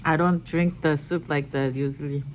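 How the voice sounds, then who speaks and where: Low-voiced woman eating noisily, noisy recording. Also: fairly even intonation, moderate pace. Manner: speaks in short, fragmentary remarks. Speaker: mukbang host. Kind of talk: mukbang, casual chat while eating. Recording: clear background noise.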